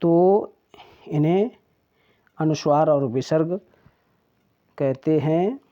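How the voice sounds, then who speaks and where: Very slow, deliberate alphabet teacher. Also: medium pitch. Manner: deliberate, drawn-out pronunciation of each sound. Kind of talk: Hindi alphabet lesson. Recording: dull lo-fi recording.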